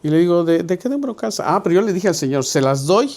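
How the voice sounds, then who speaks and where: A man's voice: high voice, very animated, quick pace, background noise. A middle-aged man, a pastor leading a Bible study, telling stories and acting out the dialogue conversationally. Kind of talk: Bible study sermon with storytelling.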